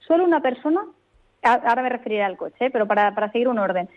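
A woman legal expert speaking as a radio guest, explaining rules in a clear, firm, methodical way. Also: on the high side, animated, rapid-fire. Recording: tinny phone line.

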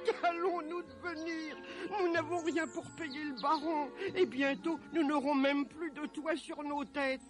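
A man voicing a poor old mother who keeps geese, high and tearful, in a storybook reading. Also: steady tone, measured pace, over music. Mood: distraught. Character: wailing old goose-mother, poor and fearful.

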